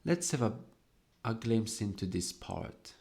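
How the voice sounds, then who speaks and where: Slow, gravelly young man. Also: on the low side, animated, a little mellow. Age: young adult. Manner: slow and deliberate, lingering over quoted verse words. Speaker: poet explaining his own work. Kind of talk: explaining poetic devices.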